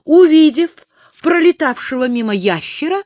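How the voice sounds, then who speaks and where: A woman narrating a children's audiobook in a slow, expressive storytelling manner. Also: high-pitched, no echo.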